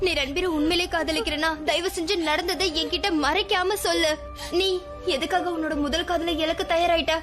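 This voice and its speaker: A woman's voice: very high-pitched, steady tone, moderate pace. An actress playing a young woman who keeps pressing her cousin with questions, dubbed for a TV serial. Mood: probing. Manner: probing, insistent questions. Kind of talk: TV serial dubbing. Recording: with music behind.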